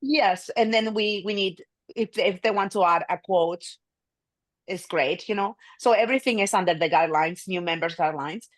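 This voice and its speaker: Woman host, Spanish first language, chatty and halting, dry close call audio. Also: medium pitch, no room sound, low-quality recording. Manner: hesitant, restarts often, friendly. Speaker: meeting host. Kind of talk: online meeting chat. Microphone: video call.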